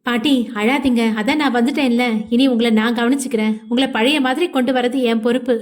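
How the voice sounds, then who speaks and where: Audio-novel part: woman reading a warm-hearted young woman, earnest and firm, with a reassuring tone. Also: a little high, fairly even intonation, a little fast, close to an everyday voice. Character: young woman, caring, determined granddaughter.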